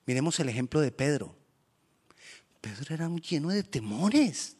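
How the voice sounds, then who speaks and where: A man preaching a sermon as pastor, animated and acting out quoted voices. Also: fairly high pitch, moderate pace, breathy edge.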